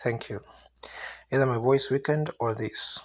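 A male evangelist preaching a revival sermon to a congregation in an earnest, questioning manner, with a raspy, gravelly voice. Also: mid-range voice, unhurried, fairly bright tone. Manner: earnest, asks listeners rhetorical questions.

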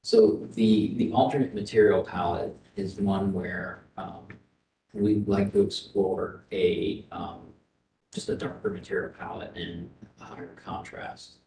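A man presenting an architectural design at a public meeting, halting, with many fillers. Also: deep voice, steady tone, dark tone. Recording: echoey room with faint noise.

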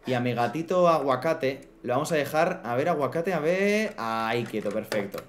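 A man streaming a block-building game speaks at medium pitch and normal speed in an expressive way. He jokes with his chat and talks to his in-game pets, his horse included, in casual live commentary.

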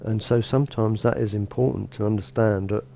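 In a small church, a middle-aged bishop gives a laid-back, informal sermon, restarting often and leaning on "you know" as he chats with the congregation. His voice is lowish with vocal fry, his pace fairly quick, and the audio carries a slight hiss or hum.

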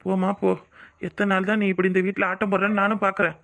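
A fussy, whiny old grandfather from a cartoon, as a man plays him, with a Tirunelveli Tamil accent. He talks fast in a bright, pushy voice and grumbles at everyone. The sound is dry and close. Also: high-pitched, flat delivery, gravelly, no echo. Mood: irritable. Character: grumpy old grandfather, bossy and cranky.

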